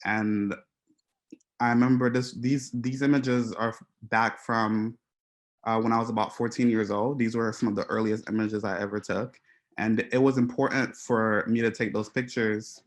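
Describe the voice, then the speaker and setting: A man from Haiti giving an artist talk about his photographs, speaking in a hesitant, reflective way with many pauses and restarts. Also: lowish voice, level tone. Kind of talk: presenting slides to an audience.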